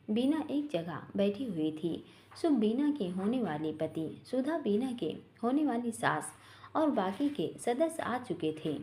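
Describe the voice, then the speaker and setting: Expressive woman narrating a story. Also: on the high side, a little hiss or hum.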